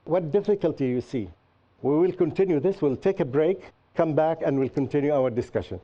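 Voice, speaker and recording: A man's voice: fairly high pitch, animated, brisk. Man teaching, asking students questions. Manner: asks students questions, explains patiently with examples. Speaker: Qur'an teacher and show host. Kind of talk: classroom teaching. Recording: dull lo-fi recording.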